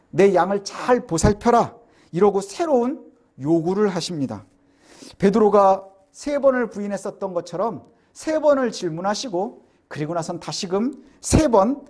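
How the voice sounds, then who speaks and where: A man preaching a Sunday sermon as a pastor, earnestly explaining and asking the congregation rhetorical questions. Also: very high-pitched.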